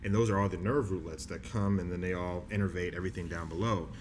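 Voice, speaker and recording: Young man, very low voice, calm explainer, noisy recording, guest interviewee. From New Jersey, with Bahamian family. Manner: measured and explanatory, with filler words. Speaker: guest, doctor in training. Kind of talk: casual interview answers.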